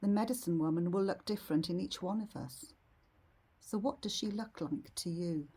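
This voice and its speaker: A woman leading a guided meditation in a serene, soothing, soft and slightly husky voice. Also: on the low side. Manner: serene, unhurried, soothing delivery.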